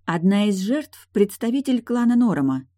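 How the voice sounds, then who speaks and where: A woman's voice: mid-range voice, big pitch swings, normal speed, dark tone, no echo, studio quality, pitched above the performer's own voice, lightly acted. A woman reading an audiobook, voicing a weary, curt male guard investigator who talks in a terse, defensive way.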